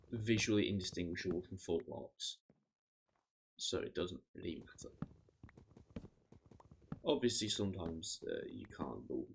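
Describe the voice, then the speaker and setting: Tired low-voiced man rambling while gaming. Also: creaky, a little hiss or hum. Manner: rambling, self-interrupting, swears casually. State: voice going hoarse, tired. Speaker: streamer. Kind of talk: casual gameplay chat.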